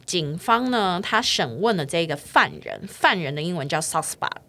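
A woman's voice: lowish voice, animated, normal speed, vocal fry, a bit bright. A woman English teacher hosting a casual lesson, giggling often as she chats and drills pronunciation.

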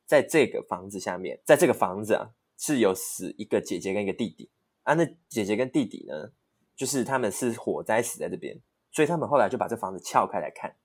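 Male podcast co-host, fast-paced, animated ghost-story teller. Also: lowish voice, husky. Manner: animated storyteller, frequent laughter. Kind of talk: casual ghost-story telling.

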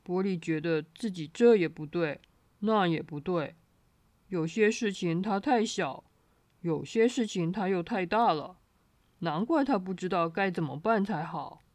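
A woman voicing a kindly father rabbit who talks slowly and reassuringly. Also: fairly low pitch, no room sound, voice pushed down, close to an everyday voice. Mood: gentle. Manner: slow, gentle and reassuring.

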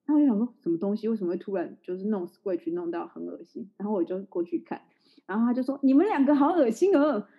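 A woman's voice: mid-range voice, expressive, fast, husky. A woman in her thirties, a podcast co-host chatting casually and telling a family story with frequent laughter. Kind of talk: casual chat. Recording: slightly dull lo-fi recording.

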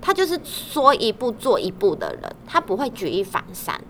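Woman, chatty co-host; high-ish bright voice, lively office anecdotes, faint background hiss. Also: normal speed. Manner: animated storytelling, acts out coworkers' lines. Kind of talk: casual chat about office life.

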